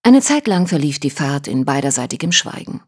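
A woman narrates an audiobook in a measured, even storytelling voice. Her voice is deep for a woman, and a husky breath runs through it. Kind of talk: scripted narration.

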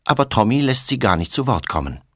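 A man narrating a children's storybook as an audiobook reader, with an expressive storytelling melody. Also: medium pitch, a little fast, breathy edge, no echo, studio quality.

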